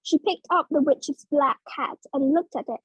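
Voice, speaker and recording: Woman narrator, high voice, dry close recording, clear simple storybook reading for English learners. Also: normal speed, a bit bright, dry recording, lo-fi sound. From Vietnam.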